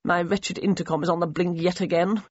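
A woman narrator voicing an evasive middle-aged male army major who mutters and hurries his words, in a somewhat low, husky tone. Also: steady tone, brisk, no room sound. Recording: slightly muffled audio.

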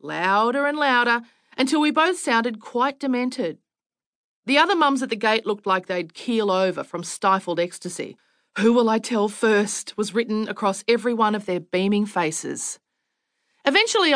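A woman's voice: medium pitch, a bit bright, no room sound, studio quality. Wry Australian woman reading her memoir. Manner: wry, self-mocking storytelling. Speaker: author narrating her own audiobook. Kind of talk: audiobook memoir narration. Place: recording studio.

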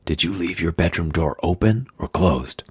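A man voicing a wounded undercover cop who gives low, clipped orders through clenched teeth. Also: moderate pace, slightly rough, no echo, clean studio sound. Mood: urgent. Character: tough male undercover cop, wounded but commanding.

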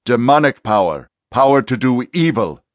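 A man voicing a stern, confident male exorcist in an audiobook, delivering forceful, insistent commands. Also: medium pitch, big pitch swings, normal speed, dry recording, lightly acted. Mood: commanding. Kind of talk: audiobook character voice.

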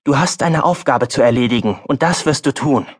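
A man's voice: mid-range voice, expressive, moderate pace, slightly rough. A male audiobook narrator voicing a farm boy's stern, wise mother, speaking firmly and earnestly. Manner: firm, earnest, then softer.

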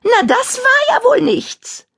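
Woman putting on a shrill, sneering witch. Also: very animated, unhurried, vocal fry, heavily acted. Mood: gloating. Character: mocking, gleeful female witch, a sneering rival.

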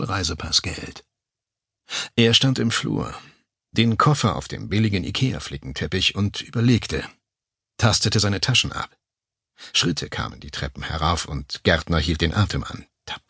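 Audiobook narrator, male, low gravelly voice, tense thriller delivery, dry studio sound. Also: a bit bright, dry recording. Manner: tense, dramatic pacing with sudden pitch jumps. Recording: dry close studio mic.

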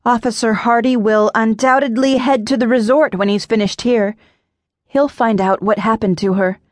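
A woman's voice: a little high, normal speed, no room sound, clean studio sound, lightly acted. Woman doing an earnest young pie-shop owner. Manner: earnest, softly spoken.

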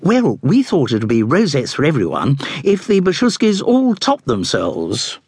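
A man's voice: fairly high pitch, huge pitch swings, moderate pace, darkish tone, breathy edge, no room sound, voice pushed up, full character voice. A man voicing a cheery, dim-witted young aristocrat who talks in bumbling upper-class slang.

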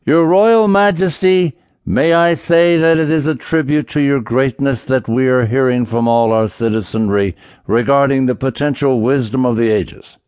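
A snobbish elderly duke, all fawning deference to the throne and scorn for peasants, as a man puts him on. His voice climbs well above the narrator's own and comes louder. The recording is dry and close. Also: mid-range voice, moderate pace, clear, resonant tone, dry recording, pitched above the performer's own voice, lightly acted. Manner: fawning, pleading.

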